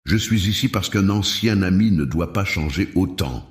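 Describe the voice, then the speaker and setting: A man voicing a scornful male former companion from a dark past, with a sharp, mocking tone. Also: deep voice, lively intonation, normal speed. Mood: cold, mocking. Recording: roomy echo.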